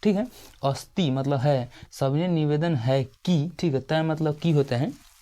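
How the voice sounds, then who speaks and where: A weary man with a Bihari accent talks students through a lesson, slow and hushed. His voice is dark and mellow, and he keeps pausing to check they are following. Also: a little high. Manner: speaks slowly and softly, keeps repeating "okay". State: tired late at night. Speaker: teacher. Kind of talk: tutorial lesson dictating a letter format.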